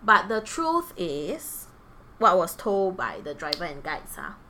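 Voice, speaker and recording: Young female podcast storyteller, Singlish, bright lively voice, some background noise. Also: fairly low pitch, a little slow. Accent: Singaporean, Singlish. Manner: animated, giggly. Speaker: podcast co-host telling stories. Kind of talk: casual storytelling chat in colloquial Singlish.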